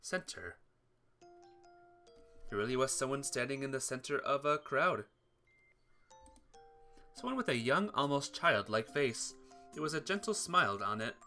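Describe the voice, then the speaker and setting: A man reads a visual novel aloud while streaming it, casually commenting and sometimes stumbling before correcting himself. His mid-range delivery is sing-song, unhurried and pushed bright, with long pauses. Game music runs underneath.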